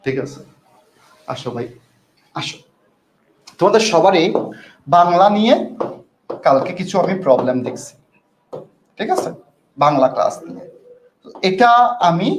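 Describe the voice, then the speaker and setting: Male tutor, high voice, repeats and coaxes students, roomy echo. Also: a little hiss or hum. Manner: repetitive, coaxing teacher talk. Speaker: English tutor. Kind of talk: online class lecture.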